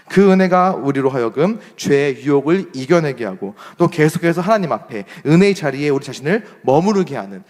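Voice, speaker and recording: A young man preaching as a pastor, speaking standard Seoul Korean as an animated storyteller. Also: fairly high pitch. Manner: animated storyteller acting out shouted quotes. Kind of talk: sermon with storytelling. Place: church hall. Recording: long reverb of a church hall.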